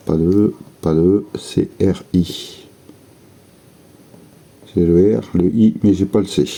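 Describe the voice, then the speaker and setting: A man's voice: low-pitched, gravelly, mellow. A man giving casual, methodical running commentary while scratching lottery tickets, murmuring letters and words to himself.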